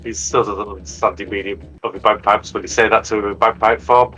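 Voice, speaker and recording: A man narrating casually as game master, often halting and correcting himself. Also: lowish voice, fairly even intonation, pushed and bright, lo-fi sound, soft background music.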